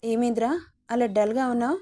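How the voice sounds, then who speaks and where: A woman's voice: on the high side, fairly even intonation, brisk, mellow, close to an everyday voice. A woman voicing a frank young male friend giving matter-of-fact advice in a storybook reading.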